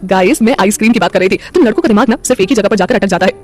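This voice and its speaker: A woman voicing a gentle, bashful young woman in a romantic audio story. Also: medium pitch, very fast, close to an everyday voice. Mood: friendly. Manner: gentle, shy.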